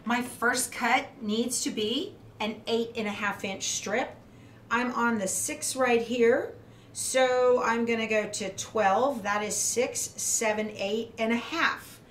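This time the quilting teacher's voice is fairly high and fairly bright, and she takes things slowly. The middle-aged woman walks through her demonstration step by step at the cutting table of a craft studio, with roomy echo and audible background noise.

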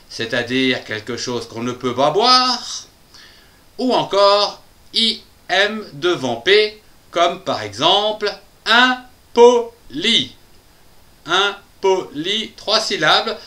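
A man voicing a cheerful little male bear who teaches spelling in a children's phonics lesson, spelling words out slowly syllable by syllable and chuckling often. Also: sits high, big pitch swings, sharp tone, heavily acted.

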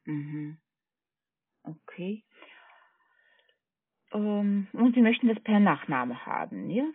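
A call centre agent with a foreign accent uses her non-native German to hesitantly verify and repeat an order during a phone sales conversation on a tinny, narrowband line. Her mid-range voice is slow and breathy-edged, with big pitch swings, and the recording is dry.

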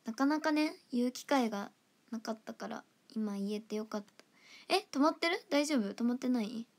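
A woman's voice: a little high, expressive, moderate pace. Young woman chatting affectionately on a livestream. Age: young adult. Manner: chatty, affectionate, giggly, sometimes drops to a soft whisper. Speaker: idol livestream host. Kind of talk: casual livestream chat reading fan comments.

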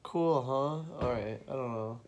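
In a lo-fi recording, a young adult man with a mid-range voice speaks at a measured pace for his casual daily vlog, stuffed up with a head cold. He rambles, swears freely and exclaims, first in a car with noisy background, then at home.

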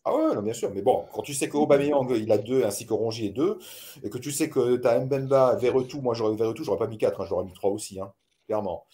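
A man discussing football ratings in a casual supporters' chat, measured and hedging. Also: medium pitch, dark tone.

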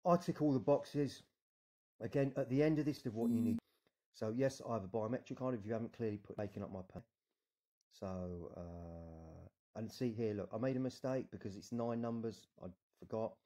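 Man, British accent, low voice, warm dark tone, casual tutorial, reassuring, keeps saying yeah. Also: normal speed. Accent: British English. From United Kingdom. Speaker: immigration adviser. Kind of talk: screen-recorded tutorial walkthrough.

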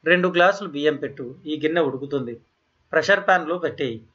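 A man voicing a gentle middle-aged woman who speaks softly and kindly to her daughter-in-law, in an audio story. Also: a little high, lively intonation, quick pace. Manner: soft, kindly, reassuring. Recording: slightly dull, lo-fi audio.

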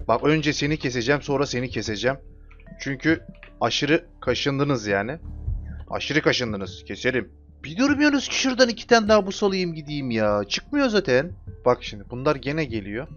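A man giving casual gameplay commentary, taunting his enemies and calling them over excitedly. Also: medium pitch, normal speed. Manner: trash-talks enemies, excitable, calls them over with repeated shouts. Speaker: gamer streaming his play. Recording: dull lo-fi mic with music behind.

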